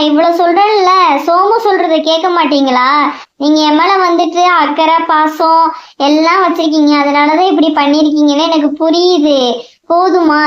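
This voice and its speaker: A woman's voice: high voice, lightly acted. A woman voicing a young boy who presses his father with hurt, insistent questions, in a cartoon. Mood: coaxing. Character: young boy Somu, hurt and stubborn son. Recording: dull lo-fi sound.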